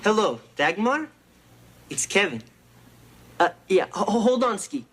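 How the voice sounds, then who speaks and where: A man's voice: high voice, big pitch swings, a little slow, heavily acted. An eager, good-natured teenage son whose voice bounces around as he pleads and jokes. It is heard through noisy television sound with a studio audience laughing. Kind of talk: sitcom acting.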